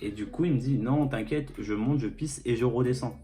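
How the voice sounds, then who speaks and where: A man's voice: medium pitch, normal speed, dark tone, faint music behind. A young man from France telling a story and showing a clothing haul, crude and joking, filming himself on a phone indoors. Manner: crude, joking, rambling with fillers. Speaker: vlogger. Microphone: phone camera.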